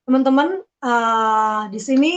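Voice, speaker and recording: A woman telling her personal faith testimony, slowly and emotionally, with many halting restarts. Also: a little high, clean tone, lo-fi sound. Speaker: testimony speaker.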